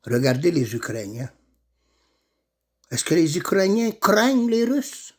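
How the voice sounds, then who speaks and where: A man playing a boastful male Martian racer, with a put-on Russian accent and a slow, deadpan delivery in a comedy sketch. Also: high-pitched, exaggerated voice.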